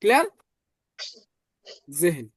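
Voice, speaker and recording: A man teaching German in an online class, explaining patiently and slowly repeating words. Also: no echo, clean studio sound.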